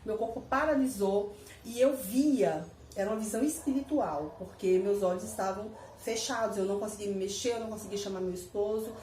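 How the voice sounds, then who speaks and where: A woman casually telling her viewers a personal story, animated and repetitive, laughing as she goes. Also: mid-range voice, brisk, a little hiss or hum. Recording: echoey room, mic at a distance.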